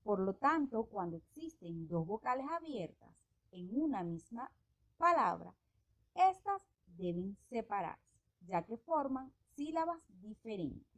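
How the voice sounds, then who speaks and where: Slow, deliberate female teacher. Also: a little high, very animated. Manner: slow, deliberate, spelling out examples. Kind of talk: educational lesson narration.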